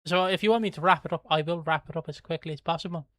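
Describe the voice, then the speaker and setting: Rapid-fire and fairly bright, this mid-range voice belongs to a livestream host from Kildare in Ireland who rambles, swears and laughs through viewer comments. Merch gets a breezy, offhand plug, and there's no room sound.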